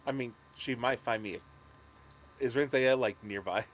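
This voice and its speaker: A man's voice: medium pitch, normal speed. A man playing his character at a tabletop game, talking in a hesitant, rambling, awkward way. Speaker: player. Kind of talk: in-character tabletop role-play.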